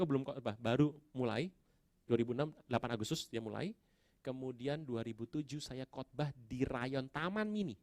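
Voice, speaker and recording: A middle-aged man, a pastor preaching a sermon with a personal story, acting out his prayers and conversations. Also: dry recording. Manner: animated storytelling, acting out his own prayers and dialogue with big pitch jumps.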